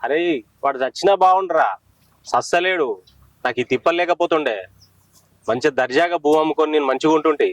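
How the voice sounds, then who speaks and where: A man's voice: fairly high pitch, brisk, pauses often, no echo, close to an everyday voice, poor audio. An actor playing an angry young son with a Telangana Telugu accent who threatens his father to sell the land. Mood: resentful. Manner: aggressive, threatening. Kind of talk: village short film acting.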